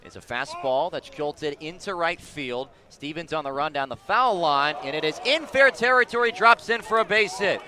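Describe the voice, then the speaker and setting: This live radio sports commentator, a man with a fairly high voice, calls baseball at a moderate pace with hardly any pauses. His descriptions are detailed, and he gets excited and rises with the action on big plays.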